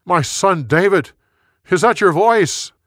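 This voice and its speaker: A man's voice: fairly high pitch, sing-song, takes it slowly, a bit bright, no room sound, studio quality, voice pushed up, full character voice. A man voicing a remorseful, fatherly older king who declaims with emotion in a told story. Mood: calling, moved.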